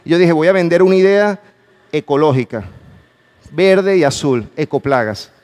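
Male motivational speaker with a fairly high voice, pitching questions to a live audience and hammering his points home. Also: moderate pace, a little mellow. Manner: emphatic, calls for audience response. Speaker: conference speaker. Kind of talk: motivational talk. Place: conference hall with a live audience.

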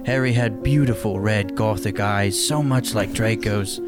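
A man giving a mock-serious, deadpan comedic reading of a story, with music behind him. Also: lowish voice, measured pace. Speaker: reader.

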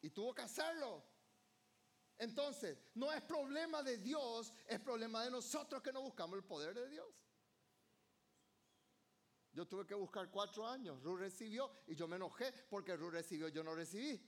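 A man's voice: high voice, animated, moderate pace. A male pastor, preaching a fervent evening sermon in church and calling on the congregation to answer him. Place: church service.

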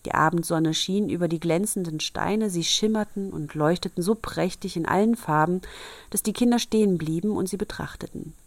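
A woman reading an old fairy tale aloud in a steady, old-fashioned storybook manner. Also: on the low side, normal speed, dry recording.

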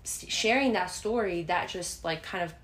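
A woman's voice: lowish voice, moderate pace, a bit bright. A young woman co-hosting a podcast, chatting casually with lots of fillers. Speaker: podcast co-host. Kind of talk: casual chat. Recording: echoey room.

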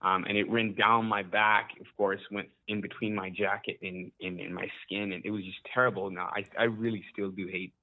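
A man's voice: on the low side, little pitch movement, brisk, hardly any pauses. A man from Uganda, a musician being interviewed, talking casually with many hesitations and frequent laughs. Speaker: musician guest. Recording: tinny phone-like line.

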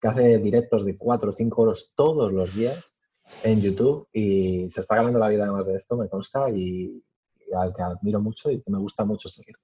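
Mellow, husky-voiced man, hesitant. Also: fairly low pitch, muffled recording. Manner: hesitant, many fillers and pauses. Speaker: podcast guest. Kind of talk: casual interview answers.

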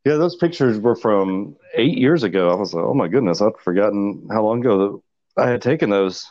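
Laid-back blunt man, lowish voice. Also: animated, moderate pace, darkish tone. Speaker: podcast co-host. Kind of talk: casual podcast storytelling. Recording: dull lo-fi sound.

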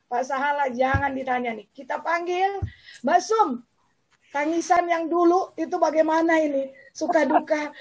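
High-pitched lady moderator, teasing and excitable, muffled call audio. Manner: animated, teasing, exclamatory. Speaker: moderator, host. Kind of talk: lively online panel moderation. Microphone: video call. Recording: dull, lo-fi online call audio.

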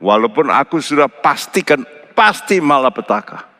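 Guy preaching a sermon, earnest, voice jumps up high then drops low, big echoey hall. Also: sing-song, moderate pace. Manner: earnest preaching, often addressing listeners as brothers and sisters; pitch jumps high for emphasis, drops low and quiet for solemn points. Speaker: pastor. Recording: long hall reverb.

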